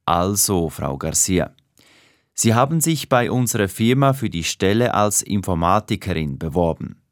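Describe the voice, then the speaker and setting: A man's voice: low voice, very animated, moderate pace, no echo, studio quality. A man playing a formal, businesslike personnel manager interviewing an applicant in a scripted dialogue for language learners. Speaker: head of personnel conducting an interview.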